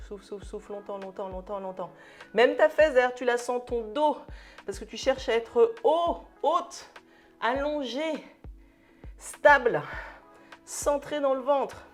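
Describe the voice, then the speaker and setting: A woman's voice: high voice, faint music behind. A French woman coaching a cardio boxing workout, calling out moves in short punchy cues and sometimes winded as she trains along. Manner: brisk, punchy cues while exercising along. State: out of breath at times. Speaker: fitness coach. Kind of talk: workout instruction.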